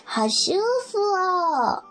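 A woman voicing a clingy, sweet newborn male duckling with high, childlike calls in a children's story. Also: animated, extremely slow, a bit bright, heavily acted.

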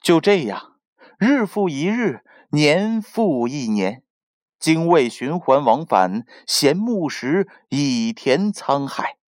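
A woman narrating a myth in scripted storybook style, expressive and swooping in her delivery. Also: low-pitched, slow, no room sound. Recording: dry close studio voice with soft music.

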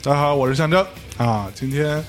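A man's voice: fairly high pitch, fairly quick, slight background noise. A man hosting a casual chat show, teasing and interviewing in Mandarin tinged with a Northeastern accent. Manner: teasing, bantering. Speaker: podcast host.

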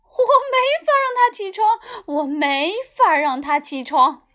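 A fretful, caring mum from a children's storybook, acted by a woman narrator. Her voice sits high and the words come out with care. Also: moderate pace, close to an everyday voice. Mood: frantic. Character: fretful, caring mother of a sleepy girl. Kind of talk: storybook character voice.

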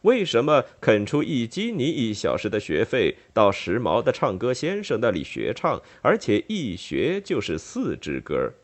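A man narrates a classic novel with wry humor. His pitch swings widely, making the reading lively and theatrical. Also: moderate pace, hardly any pauses. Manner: expressive, wry storytelling. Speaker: audiobook narrator. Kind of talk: scripted narration.

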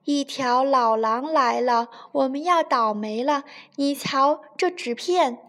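A woman's voice: sits high, takes it slowly, a bit bright, full character voice. A woman voicing an old grey male rabbit who leads the village, speaking steadily and reassuringly in a children's storybook.

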